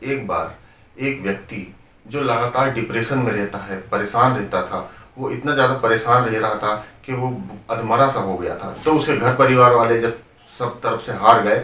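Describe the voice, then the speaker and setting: A man's voice: medium pitch, normal speed, bright, forceful tone. A man telling a motivational devotional story in a conversational way, often addressing his listeners as friends. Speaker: spiritual storyteller. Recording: roomy, distant from the mic.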